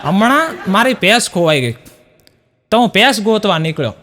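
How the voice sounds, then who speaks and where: A man with a Gujarati accent performs stand-up comedy in a very high voice. He spins folksy village jokes and plays out each exchange with a playful touch. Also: big pitch swings, moderate pace, very noisy. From Gujarat, India. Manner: playful, folksy storytelling with acted dialogue.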